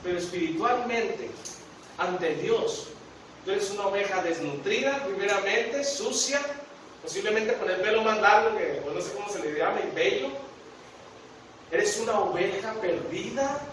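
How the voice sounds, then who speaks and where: Echoey Guatemalan pastor preaching from afar. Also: male voice, high voice, expressive, fairly bright tone, a little hiss or hum. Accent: Guatemalan Spanish. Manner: earnest preaching, rising on questions, slowing to read scripture aloud. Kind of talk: sermon. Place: church sanctuary. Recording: very echoey church hall, voice from a distance.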